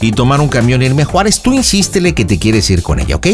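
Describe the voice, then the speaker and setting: A man hosting a radio prank show, coaching a caller through a prank in a playful, animated way. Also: mid-range voice, fast, soft background music.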